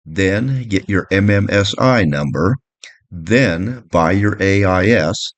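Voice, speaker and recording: In a dry recording, a deep-voiced man walks through practical instructions one step at a time, sounding like a boat owner describing his equipment. Some of it is read aloud and some is improvised.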